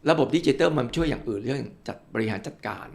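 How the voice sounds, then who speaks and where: An older man speaking as an expert guest, his voice deeply gravelly and fried throughout. He talks at a brisk, quick clip, laying out his points through step-by-step examples and turning politely to the audience. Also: animated, darkish tone. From Thailand. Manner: explains with worked examples, politely addresses listeners. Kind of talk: explanatory interview talk.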